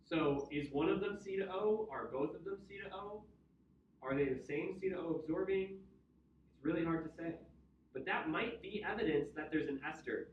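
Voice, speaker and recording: At a moderate pace and with a voice on the high side, a Midwestern American man runs a chemistry class lecture, joking casually and asking students questions. A little hiss or hum is audible, and the classroom sound is roomy, dull and distant.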